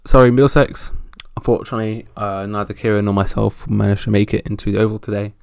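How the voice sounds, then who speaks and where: A man with a gravelly voice hosting a casual sports roundup podcast solo, speaking in a halting, wry way. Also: on the low side, steady tone, a little mellow, no room sound, studio quality. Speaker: podcast host.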